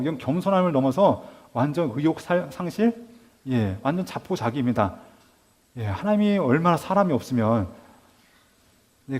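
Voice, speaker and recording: Man, fairly high voice, Bible school teacher, lecturing a class, rhetorical questions, acted-out dialogue. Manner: acts out lively quoted dialogue.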